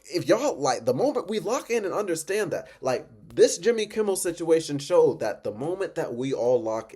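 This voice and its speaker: A man's voice: a little high, a little mellow, breathy edge. A man who is drunk, ranting off the cuff in an emphatic, repetitive, rambling way. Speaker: reaction video host. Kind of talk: impassioned off-the-cuff rant.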